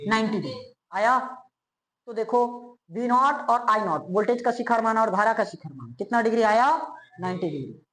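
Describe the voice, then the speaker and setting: A male physics teacher giving a classroom lecture. He keeps asking quick checking questions and answers them himself, and he repeats key terms slowly. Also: high-pitched, lively intonation, fairly bright tone. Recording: roomy echo, as if in a bare classroom.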